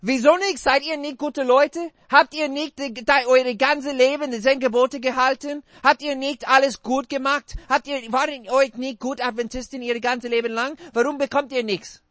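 A man preaching a sermon in halting, non-native German, putting questions to his congregation. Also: extremely high pitch, fairly even intonation, a bit bright, no echo. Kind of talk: interactive sermon.

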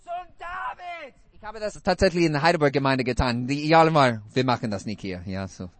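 A man's voice: mid-range voice, animated, quick pace. A man preaching a sermon in non-native German with broken grammar, emphatic and asking the congregation repeated questions.

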